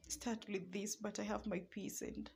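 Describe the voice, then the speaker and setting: A woman's voice: medium pitch, level tone, moderate pace, creaky, dark tone, low-quality recording. A woman with a Kenyan accent, vlogging emotionally from a small single room, pleading and sometimes dropping to a whisper. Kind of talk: emotional personal vlog.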